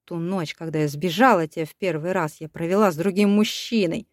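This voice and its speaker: A woman's voice: lowish voice, fairly quick, dry recording, clean studio sound, natural voice. A woman voicing a desperate young mother who speaks in a tense, pleading way in an audiobook. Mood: defiant.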